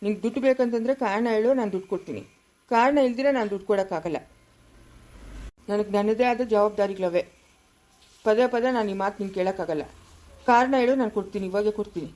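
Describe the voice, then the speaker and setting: A woman with a rural Chikkaballapura Kannada accent playing a calm family elder who firmly refuses money without a reason. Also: medium pitch, quick pace, long pauses, lightly acted, poor audio. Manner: steady, reasoning, firm.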